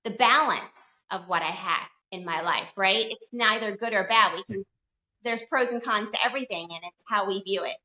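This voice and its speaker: A woman's voice: mid-range voice, normal speed, sharp tone. A woman chiropractor, a guest on an interview, telling her story in an earnest, candid way. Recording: dull, echoey room sound.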